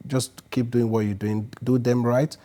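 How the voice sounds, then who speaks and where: A man's voice: mid-range voice, level tone, unhurried, warm tone. A man hosting a podcast, upbeat and motivational as he thanks the guest and wraps up. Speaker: podcast host. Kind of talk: interview conversation.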